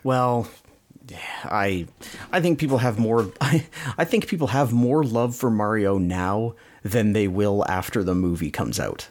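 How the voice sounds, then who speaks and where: A man's voice: fairly low pitch, unhurried, darkish tone. A man from Canada co-hosting a podcast, chatting casually with a hesitant, dry-humored manner. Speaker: podcast co-host.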